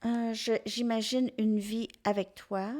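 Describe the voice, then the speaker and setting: Slow Québécois woman reading tarot. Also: fairly high pitch, little pitch movement, darkish tone. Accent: Québécois French. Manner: slow, hesitant, many fillers and restarts. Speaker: tarot reader. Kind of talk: tarot card reading for viewers.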